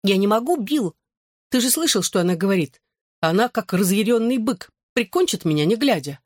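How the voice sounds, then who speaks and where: A man's voice: high-pitched, animated, normal speed, a little mellow, no room sound, studio quality, pitched above the performer's own voice. A man reading an audiobook who voices a frightened young woman, anxious and pleading.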